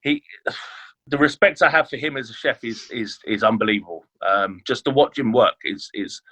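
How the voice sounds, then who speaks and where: At a normal speed, a chef from Leeds who grew up in London chats informally in a podcast interview about his career, peppering it with fillers and restarts. His mid-range voice is a bit bright, with a breathy edge.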